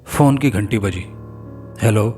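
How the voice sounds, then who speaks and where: Male storyteller, distant mic, soft music. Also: mid-range voice, moderate pace. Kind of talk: scripted horror story narration.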